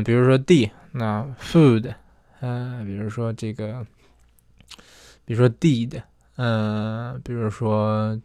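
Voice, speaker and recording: A man's voice: mid-range voice, a little mellow, dry recording, studio quality. A male host casually explaining things to listeners. He often rephrases himself and checks for agreement as he talks. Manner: chatty, rephrases often, asks "对不对" for agreement. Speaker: host answering listener questions.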